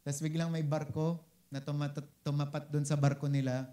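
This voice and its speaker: A man's voice: fairly high pitch, little pitch movement, moderate pace, mellow. A man with a Filipino accent giving a casual sermon, often asking "di ba?" and switching into English phrases. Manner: conversational, keeps asking "di ba?", mixes English phrases. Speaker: preacher.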